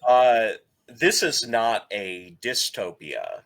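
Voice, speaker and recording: A man's voice: mid-range voice, very animated, slow pace, a bit bright. A man running a tabletop role-play game as game master, with dry, teasing asides.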